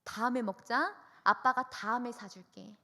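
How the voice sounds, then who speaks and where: A young woman voicing a kind father apologizing on the phone to his daughter, gentle and coaxing. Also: fairly high pitch, normal speed, gravelly, big-room sound.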